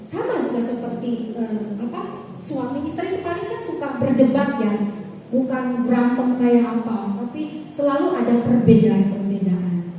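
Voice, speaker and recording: A woman's voice: fairly high pitch, lively intonation, normal speed, warm tone, slight background noise. A woman pastor giving a sermon, telling a personal story in a conversational way and often tagging her sentences with a questioning "ya". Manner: conversational storytelling, frequent "ya" tags. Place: church hall. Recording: echoey hall, voice from far off.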